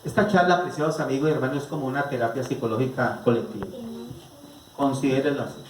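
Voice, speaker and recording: A Colombian psychologist gives a family conference to a live audience at a rural venue, his mid-range, steady voice moving fast with slight background noise. He speaks rhetorically, asking the audience questions and repeating "¿no es cierto?". The echoey hall is picked up from a distance.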